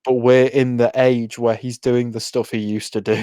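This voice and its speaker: A man's voice: medium pitch, flat delivery, moderate pace, mellow, smooth, no room sound, clean studio sound. A man co-hosting a podcast, chatting casually with enthusiasm and frequent laughter. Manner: enthusiastic, laughs often, jokes. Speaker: podcast co-host. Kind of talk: casual recap chat.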